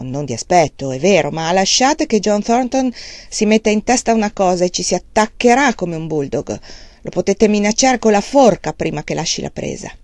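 A woman's voice: lowish voice, darkish tone, no echo, close to an everyday voice. A woman reading the part of a blunt, angry middle-aged male mill worker, defiant and scornful.

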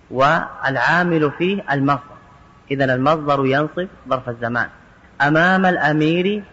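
A man teaching Arabic grammar, reading examples aloud and parsing each word in a steady, methodical way. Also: medium pitch. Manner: methodical, quotes verse examples then parses each word. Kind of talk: explaining a grammar text line by line. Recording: dull lo-fi audio with long hall reverb.

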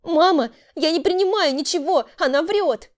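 A woman voicing a frightened, defensive younger sister who pleads and protests in a shrill voice. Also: animated, a little slow, warm tone. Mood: desperate.

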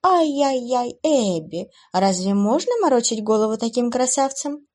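A cruel, playful female demoness from a storybook, her voice pitched up and louder as she mocks and gloats. Her tone is sing-song and taunting, with a woman narrator putting it on. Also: lively intonation, unhurried. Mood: gloating.

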